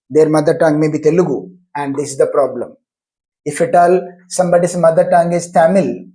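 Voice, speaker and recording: A man's voice: on the high side, mellow, low-quality recording. A man with an Indian English accent teaching a spoken lesson on pronunciation, explaining patiently and drawing out example words.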